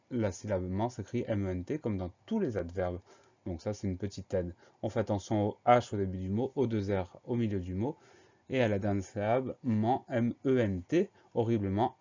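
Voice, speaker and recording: Patient teacher spelling words slowly. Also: male voice, lowish voice, mellow. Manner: slow, patient spelling out letter by letter. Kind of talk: dictation lesson. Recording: dull lo-fi recording.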